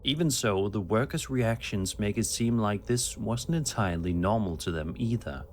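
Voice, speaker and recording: Lower-voiced man narrating a script. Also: normal speed, a little mellow, slight background noise.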